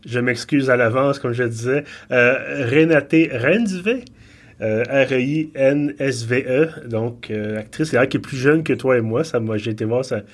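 Halting Quebec man in his thirties. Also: medium pitch. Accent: Quebec French. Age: 30s. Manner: thoughtful, halting with repeated restarts. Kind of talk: casual film discussion.

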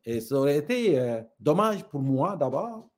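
A man's voice: on the high side, big pitch swings, moderate pace, a little mellow. A middle-aged man from Senegal with a Senegalese French accent, a guest speaking thoughtfully and with conviction, telling parables. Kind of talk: reflective conversation.

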